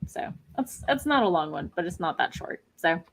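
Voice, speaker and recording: A middle-aged woman hosts a casual livestream, chatting and cheering on viewers' comments. Her lowish voice is animated, with vocal fry and a breathy edge, at a moderate pace.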